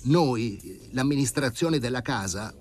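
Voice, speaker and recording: A prickly young committee leader speaks in a raised, tense voice, put on by a man reading an audiobook. His fury stays just under the surface in every clipped phrase. The delivery swings lively and a bit husky. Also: fairly high pitch, normal speed, faint music behind, pitched above the performer's own voice. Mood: indignant, hostile. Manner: tight, bristling, barely held fury. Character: indignant young male committee leader, hostile zealot.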